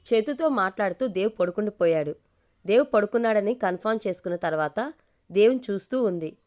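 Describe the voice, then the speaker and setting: A woman narrating a family story in a calm, steady storytelling voice. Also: medium pitch, a little fast. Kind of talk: reading a family story aloud.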